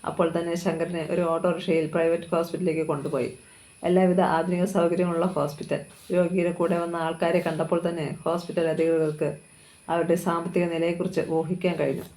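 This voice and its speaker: A narrator reading a crime thriller novel aloud with steady, dramatic storytelling. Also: medium pitch, fast talker, rough recording.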